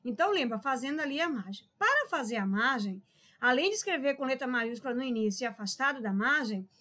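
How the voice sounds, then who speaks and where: A woman in her forties teaching an online writing lesson, chatty and emphatic, scolding her students warmly. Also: high-pitched. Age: 40s. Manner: chatty, scolding, emphatic, calls viewers "povo lindo".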